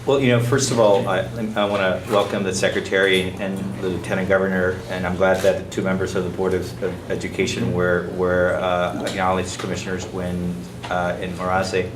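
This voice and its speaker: A lower-pitched man from Guatemala speaks at a panel event. He gives personal remarks in an earnest way and often repeats his opening words. His voice is picked up from a distance in a reverberant hall with faint noise behind it. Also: level tone, brisk, hardly any pauses. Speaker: city supervisor on a panel. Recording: roomy, distant public-address sound with faint noise.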